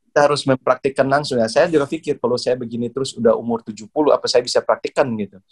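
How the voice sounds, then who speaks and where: A middle-aged man from Indonesia, a badminton coach, telling stories in a relaxed interview, laughing often and repeating words as he searches for them. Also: mid-range voice, quick pace, husky. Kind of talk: casual interview storytelling.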